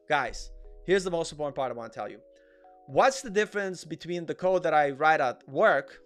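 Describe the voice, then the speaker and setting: Fairly high-pitched and a bit bright, the voice belongs to a Russian developer with a slight accent hosting a casual live Q&A. He chats with viewers, reads their comments out, and tends to repeat himself.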